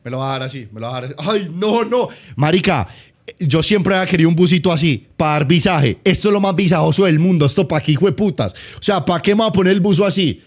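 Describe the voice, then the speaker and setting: A young man from Colombia with a Paisa accent, chatting excitably on a home live stream, swearing and teasing. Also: fairly high pitch, fast. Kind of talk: casual live-stream chat.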